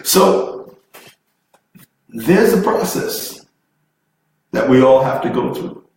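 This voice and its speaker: A man's voice: mid-range voice, animated, slow, a little mellow. Fervent man preaching in an echoey room. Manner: fervent, repetitive, builds to rising intensity; laughs through his words. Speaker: motivational speaker. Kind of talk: preachy motivational seminar talk. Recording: very echoey room, far from the mic, faint noise.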